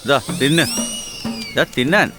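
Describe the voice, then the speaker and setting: A man's voice: on the high side, unhurried, close to an everyday voice. An actor dubbing a tipsy young man who can see ghosts, talking in a slurred, rambling way. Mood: teasing. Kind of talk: film dub dialogue. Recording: film soundtrack with loud background music.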